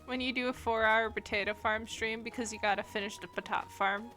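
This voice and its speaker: A woman's voice: fairly high pitch, steady tone, brisk, sharp tone, faint music behind. A woman streaming a game, chatting casually in a giggly, playful way and laughing often. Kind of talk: casual gaming stream chat.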